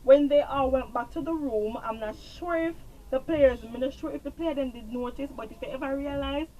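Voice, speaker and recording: Recapping a TV series, a Jamaican-accented woman rambles casually, repeating points and drifting off with filler words. She reviews TV shows; her voice sits high at a normal speed, and the dark, dull audio carries slight hiss or hum.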